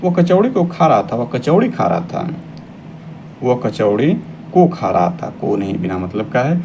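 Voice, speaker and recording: A man's voice: medium pitch, very animated, moderate pace, background noise. A man teaching a grammar lesson for exam preparation. He reads each example sentence, then repeats it in corrected form.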